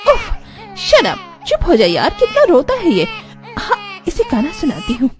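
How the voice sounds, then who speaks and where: A woman doing a shrill, spoiled young mom. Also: big pitch swings, normal speed, over music. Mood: irritated. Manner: whiny, dismissive, mixes English words. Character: spoiled modern young mother, selfish, dismissive.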